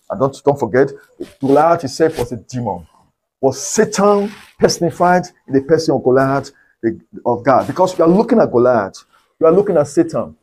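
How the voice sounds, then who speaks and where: Husky pastor guy preaching, keeps repeating his points, kinda high voice. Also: darkish tone, low-quality recording. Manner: repetitive, emphatic preaching. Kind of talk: sermon.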